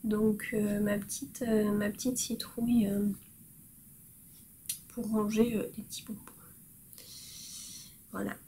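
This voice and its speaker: A woman's voice: mid-range voice, flat delivery, slow, pauses often, dark tone, slight background noise, low-quality recording. A woman hosting a crafting podcast, chatting casually and cheerfully while showing her work, with frequent hesitations and fillers. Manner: cheerful and self-mocking. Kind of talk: casual show-and-tell chat.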